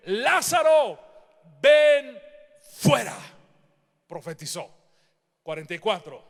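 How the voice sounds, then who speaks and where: A man preaching a sermon with emphatic delivery, rising to shouts and asking the listeners questions. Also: high-pitched, in a large hall. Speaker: pastor.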